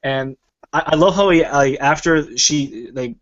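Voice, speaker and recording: A man's voice: a little high, a little slow, fairly bright tone. A man hosting a casual review chat, rambling and swearing freely as he goes. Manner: rambling and profane. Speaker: show host. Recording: muffled lo-fi recording.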